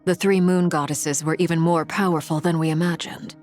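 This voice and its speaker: A woman voicing a low steady adventurer. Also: brisk, faint music behind, natural voice. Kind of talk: video game voice acting.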